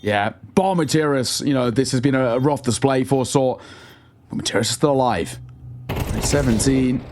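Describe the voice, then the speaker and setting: A man's voice: medium pitch, normal speed, a little mellow. A man working as an esports caster, mixing conversational analysis with play-by-play commentary on a live match. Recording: clear background noise behind the voice.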